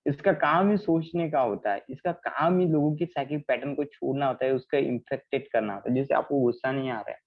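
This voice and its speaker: A man's voice: mid-range voice, fairly quick, vocal fry, few pauses, narrow, tinny audio. A man leading an online healing class, explaining with acted everyday examples and often checking that his students follow. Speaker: healing trainer.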